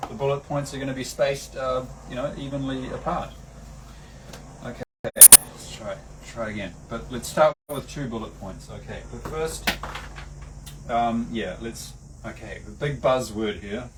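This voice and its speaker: A man with a New Zealand accent giving a rambling, casual lesson, full of fillers and restarts. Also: medium pitch. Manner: halting, many fillers and restarts. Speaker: online lecturer. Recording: distant mic with faint background noise.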